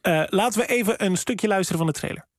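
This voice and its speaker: A man hosting an evening radio talk show, friendly and halting with fillers. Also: high-pitched. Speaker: radio host.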